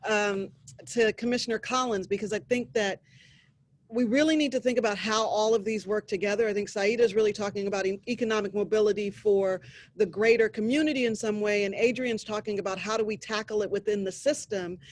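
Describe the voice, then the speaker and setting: A man with a high voice moderates a panel over a video call. He introduces speakers at length in a rambling way. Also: fairly even intonation, a little fast.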